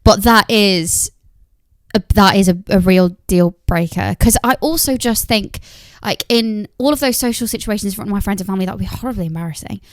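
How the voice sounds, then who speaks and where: A woman's voice: medium pitch, a little fast, dry recording, studio quality. A young woman with an East Midlands English accent, hosting a podcast in casual, giggly chat. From England. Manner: chatty, giggly. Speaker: podcast host.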